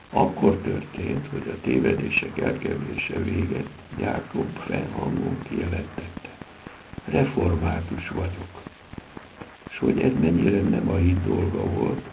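A man giving a theatrical reading of literary prose, with a dramatic delivery. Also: vocal fry. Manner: theatrical, dramatic delivery with big pitch swings. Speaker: reader. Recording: dull lo-fi recording with steady background noise.

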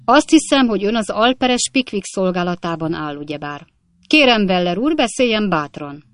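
A woman voicing a pompous male barrister who speaks slowly in a booming, self-important way in a storybook reading. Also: very animated, no room sound, clean studio sound, natural voice.

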